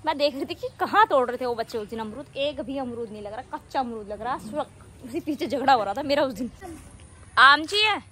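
A woman's voice: sits high, expressive, brisk, pushed and bright. A young woman vlogging casually at home, chatting and scolding her children as she films around the house and yard. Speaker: vlogger and mother. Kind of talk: casual home vlog chat. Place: home and yard, outdoors and indoors. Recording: noisy phone recording.

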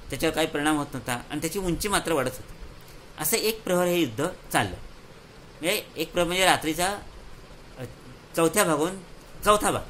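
Bright-voiced male children's storyteller. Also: fairly high pitch, slight background noise, low-quality recording. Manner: lively, repetitive, explaining. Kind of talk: moral story narration.

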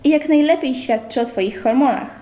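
A woman's voice: sits high, moderate pace, dark tone, natural voice. Woman reading as a pompous young man. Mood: mock-gallant. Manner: wordy, mock-gallant lecturing. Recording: roomy echo.

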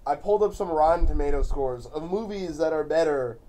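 A man's voice: fairly high pitch, animated, brisk. A man in his twenties, tipsy, giving a casual comedic movie review on a living room couch. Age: 20s. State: drinking, tipsy. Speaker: film reviewer, host. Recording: noisy living room recording.

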